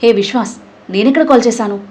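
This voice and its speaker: A woman's voice: on the high side, quick pace, a little mellow, lightly acted. A woman voicing a frightened young woman caught cheating, who pleads in a panic. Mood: pleading.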